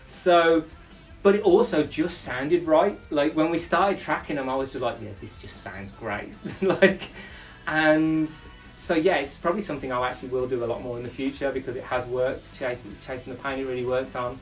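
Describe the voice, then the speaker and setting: A man's voice: mid-range voice, steady tone, normal speed, far from the mic, faint music behind, rough recording. A male lead singer talking casually about recording a song, rambling with lots of fillers and restarts.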